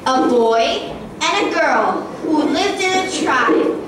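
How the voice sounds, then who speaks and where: Narrating a school play from a theatre hall stage, a girl around ten or eleven reads scripted story narration in a high, expressive voice, taking it slowly. A distant camera in the audience captured her, so the school hall sound is echoey, far off and very noisy.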